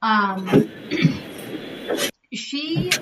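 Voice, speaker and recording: A woman's voice: on the high side, lively intonation, very slow, heavy background noise. A woman acting as game master, narrating the scene and voicing sound effects.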